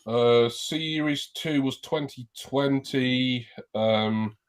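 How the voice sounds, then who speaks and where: A man's voice: medium pitch, very slow, smooth. A man in casual chat on a livestream call, meandering and thinking aloud as he talks.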